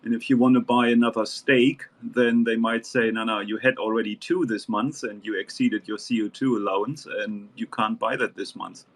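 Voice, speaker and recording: Low-voiced halting man from New Zealand. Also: fairly even intonation. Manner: halting, many fillers and restarts. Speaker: panelist. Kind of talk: casual discussion.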